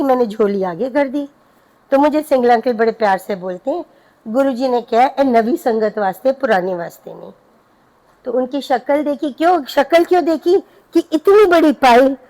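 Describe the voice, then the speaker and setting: High-voiced middle-aged woman telling a devotional story. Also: rough recording. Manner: lively storyteller, acting out her own pleading. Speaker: devotee sharing a satsang.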